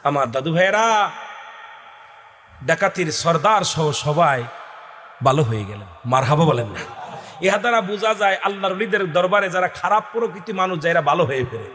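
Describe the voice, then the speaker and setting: A male preacher delivers a fervent sermon and keeps urging the crowd to answer him. His voice sits high and bright. It washes through a long, echoing hall. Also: lively intonation, normal speed, long pauses, a little hiss or hum. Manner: emotional, calls on the crowd to respond. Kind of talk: Islamic waz sermon. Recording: echoey hall over loudspeakers.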